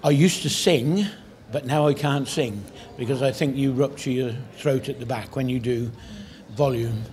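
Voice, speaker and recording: A man's voice: medium pitch, normal speed, a little mellow. An older man from the Cotswolds in England, a town crier, talking casually in an interview.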